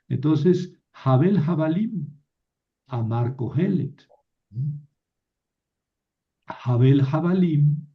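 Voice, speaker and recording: A man teaching a language lesson, reading Hebrew aloud slowly and checking in with his students. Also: medium pitch, vocal fry, dark tone. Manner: reads Hebrew aloud slowly, with many fillers and rhetorical checks. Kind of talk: lecture. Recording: dull lo-fi recording.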